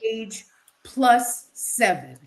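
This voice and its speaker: A woman co-hosts a podcast in loose, casual chat, her pitch bouncing widely. She talks at an unhurried pace, often restarting her sentences and dropping in swears. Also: very animated, gravelly, poor audio. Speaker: podcast co-host.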